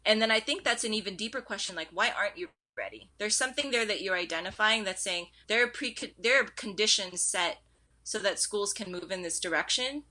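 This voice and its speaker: An American woman chatting as an interview guest. Her voice is bright and pushes forward, and she jumps into quoted voices as she tells her story. Her pitch sits in the middle range. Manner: animated storyteller, quick with fillers and quoted asides. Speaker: edtech director, podcast guest. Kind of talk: casual interview conversation.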